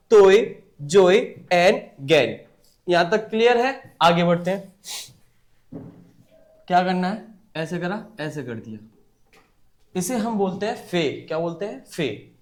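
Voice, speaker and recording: Lively high-voiced male teacher. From India. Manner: repetitive call-and-response teaching; colloquial, addresses class as brother. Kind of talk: online class lesson.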